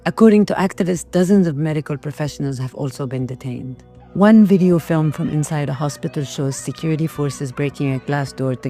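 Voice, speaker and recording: Mellow low-voiced woman narrating news. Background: music.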